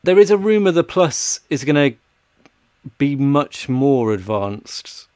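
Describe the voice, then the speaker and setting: Here a man in his thirties, a podcast panellist, takes his time explaining tech topics in a casual chat from a small home room with shelves. His mid-range voice is sing-song and a little mellow, captured dry on a close mic.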